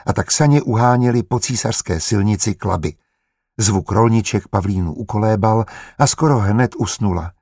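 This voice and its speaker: Low-voiced male audiobook narrator. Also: dry recording, clean studio sound. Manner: measured, even storytelling.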